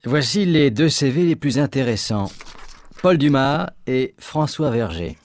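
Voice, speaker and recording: A man reading a scripted textbook dialogue as a hiring manager, clear and measured. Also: medium pitch, animated.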